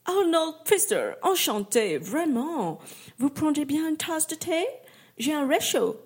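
A woman's voice: sits high, big pitch swings, takes it slowly, voice pushed up, heavily acted. A woman voicing a small, cheerful, red-haired man with an English accent who is polite and eager and drops English words into his French.

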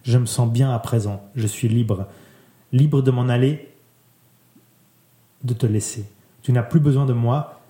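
A man reading a literary text aloud in a soft, measured way, letting his voice drop quieter at the ends of phrases. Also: medium pitch, fairly even intonation. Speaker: reader. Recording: roomy echo.

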